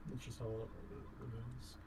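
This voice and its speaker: This low-baritone man speaks at normal speed with a completely flat delivery and a dark tone, swearing and frequently repeating himself as he banters on a game livestream call. The voice chat recording is low quality, with clear background noise.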